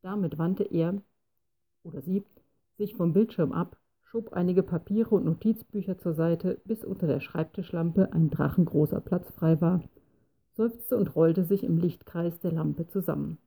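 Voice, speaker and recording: Gravelly, dark-voiced woman storyteller. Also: on the low side. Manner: measured first-person storytelling. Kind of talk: scripted story narration.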